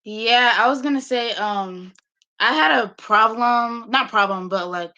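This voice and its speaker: A woman's voice: fairly high pitch, unhurried, sharp tone, lo-fi sound. A young woman talking as a guest in casual chat, hesitant and full of fillers. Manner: hesitant, lots of likes.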